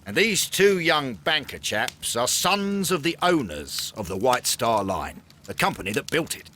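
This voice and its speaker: A blustering male police inspector in a Victorian detective game. His English-accented voice is forceful and swoops emphatically, easily flustered, with faint noise behind. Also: medium pitch, very animated, a little slow. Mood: brisk reporting. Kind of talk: video game cutscene acting.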